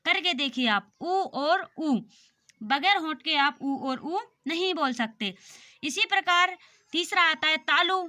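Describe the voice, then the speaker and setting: A woman's voice: extremely high pitch, bright, forceful tone. A woman teaching a grammar lesson for exam preparation, patiently explaining and sounding out vowels aloud.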